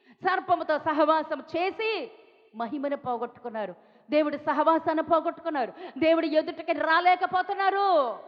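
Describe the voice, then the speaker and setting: A woman from India with a Telugu accent, preaching a sermon with emphatic repetition, pleading tone and rhetorical questions. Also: extremely high pitch. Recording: dull sound with long hall reverb.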